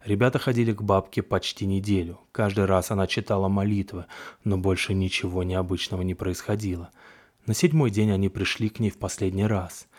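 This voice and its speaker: A man reading a horror story aloud in a hushed, even storytelling manner. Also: low-pitched, fairly quick. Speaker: narrator.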